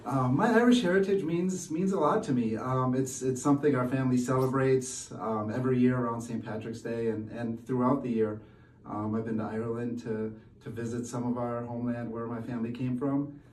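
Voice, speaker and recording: A man's voice: medium pitch, steady tone, fairly quick, a little mellow. A man chatting casually as a guest, hesitant with many fillers and restarts. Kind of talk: casual chat. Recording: echoey room from far off.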